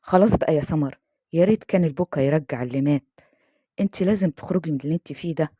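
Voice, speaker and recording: A woman's voice: deep voice, racing, dark tone, breathy edge, no room sound, studio quality. A woman voicing a caring, insistent grown man who speaks with an Egyptian accent. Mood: coaxing. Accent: Egyptian Arabic. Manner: coaxing, insistent.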